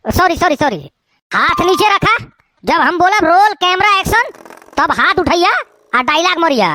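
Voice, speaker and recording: A woman's voice: very high voice, pushed and bright, full character voice. A woman with a Bhojpuri accent voicing bickering village men and a fussy film director in a comedy cartoon, teasing and stammering through the lines. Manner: teasing, quarrelsome banter with stammers. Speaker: cartoon voice actor.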